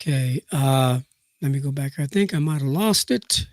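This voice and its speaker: A Nebraska man hosts a live stream of boxing news, his voice hoarse from a cold as he reads aloud haltingly, full of fillers and restarts. His pitch is medium, and the studio-quality recording has no echo.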